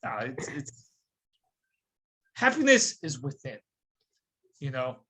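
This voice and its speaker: Young guy cohosting a podcast, bright sharp voice, jokey and animated. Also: medium pitch, slow, slightly rough. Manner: joking, animated storyteller. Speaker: podcast co-host. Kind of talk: casual chat.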